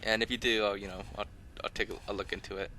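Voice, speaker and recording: Hosting a gameplay tutorial for his gaming video channel, a man with a fairly low but bright, forward voice talks fast in a level tone. His explanations ramble along in an unscripted, easygoing, conversational way over light background noise.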